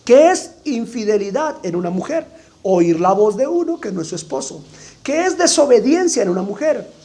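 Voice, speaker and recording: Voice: mid-range voice, darkish tone. A preacher delivering a sermon with emphatic, repetitive rhetorical questions.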